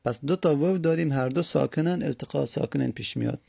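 A man with a heavily gravelly, creaky voice and a dark, mellow tone talks through a grammar lesson. He is patient and repeats words slowly and stretches them out. His voice is a bit husky, and the room sounds dry and close. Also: a little high, no room sound. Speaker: teacher. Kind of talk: explaining Arabic grammar lesson.

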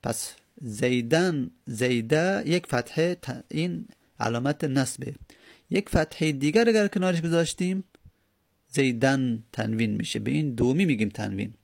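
A man's voice: medium pitch, lively intonation, creaky. A man teaching Arabic grammar, explaining patiently step by step and repeating his examples. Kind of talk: explaining lesson.

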